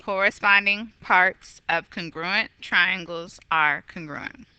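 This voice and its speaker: Slow, bright-voiced woman teaching geometry. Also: fairly low pitch, clear, resonant tone, dry recording, highs cut off. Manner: patient, methodical, corrects herself aloud. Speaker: math teacher. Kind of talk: recorded geometry lesson.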